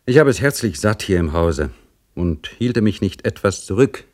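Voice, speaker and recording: A man reading a story, voicing a bitter, sly male livery servant who grumbles loudly and mocks. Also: fairly low pitch, lively intonation, normal speed, natural voice. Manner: loud, complaining and mocking.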